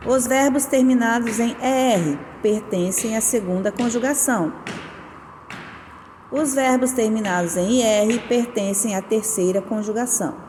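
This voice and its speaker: A woman's voice: on the high side, a little mellow. A woman teaching a recorded lesson, explaining patiently and stretching out stressed syllables. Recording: roomy with long reverb and faint noise.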